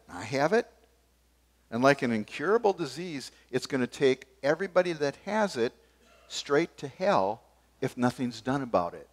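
An older man preaching a sermon from a church pulpit, gesturing as he moves between forceful emphasis and sudden quiet asides. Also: mid-range voice. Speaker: pastor. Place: church stage behind a wooden pulpit.

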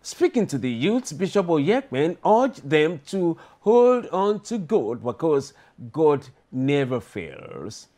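A man's voice: fairly high pitch, slow, hardly any pauses. A man reading the news formally as a studio anchor. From Nigeria. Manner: formal, lively newsreader delivery.

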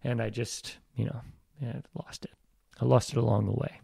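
A man from Iowa, an actor, talking as a podcast guest in a reflective, self-deprecating way with halting restarts. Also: medium pitch, flat delivery, vocal fry, mellow, slightly rough, dry recording, clean studio sound. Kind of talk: casual interview talk.

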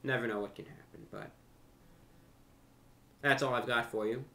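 A medium-pitched male voice with vocal fry comes from a young American host of a video channel and radio show, filmed in a furnished room at home. His intonation is fairly even, his pace moderate, and his tone pushed and bright. He chats casually to camera, earnest and prone to repeating phrases for emphasis.

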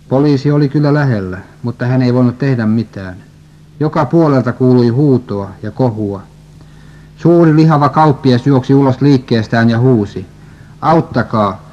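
A man's voice: mid-range voice, a little mellow. Man steadily reading a religious story. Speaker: reader. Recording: dull lo-fi recording.

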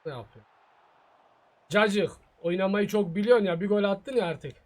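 A man's voice: high voice, normal speed. A gaming YouTuber reacting to his own soccer video game match, muttering in frustration and taunting his opponent. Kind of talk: live gameplay commentary.

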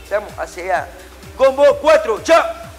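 In an indoor martial arts gym with matted floors and faint music behind him, a middle-aged instructor calls out drills and corrections to his class. His voice is very high with big pitch swings and a measured pace, and his orders are commanding, short, and repeated.

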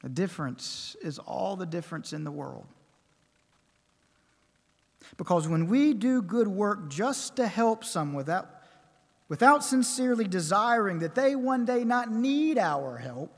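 High-voiced pastor at a pulpit microphone. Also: male voice, big pitch swings. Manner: measured, emphatic, builds with repeated phrases. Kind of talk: sermon. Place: church sanctuary. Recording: long church reverb.

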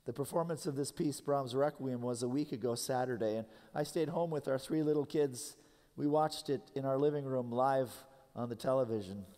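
A pastor in his thirties preaching a sermon in earnest, slowing down to stress key phrases. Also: medium pitch, dark tone. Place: large church sanctuary. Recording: long hall reverb from a church sanctuary.

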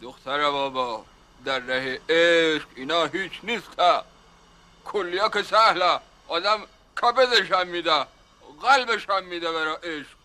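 Playing a sitcom caretaker in love with a young woman, a male actor boasts and dotes, using flowery language about love and addressing others as "baba jan." His fairly high voice comes across bright and forceful on a rough recording.

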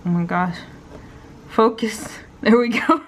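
A woman vlogger chatting casually to her camera, telling stories in an animated way and laughing often. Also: medium pitch, takes it slowly, slight background noise. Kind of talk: casual vlog chat. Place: at home and around her apartment. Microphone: handheld camera.

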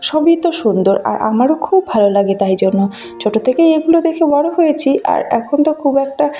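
Faint music plays behind a woman in her thirties from Bengal as she walks through a rural garden and fields, filming on a handheld phone. Her voice sits high and moves at a moderate pace, chatty and gently enthusiastic as she shows viewers around her village.

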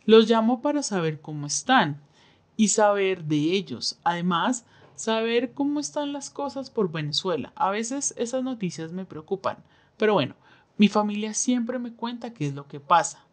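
A woman interpreting a signed interview aloud in the first person, with a measured, steady delivery and pauses. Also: medium pitch. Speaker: sign language voice interpreter.

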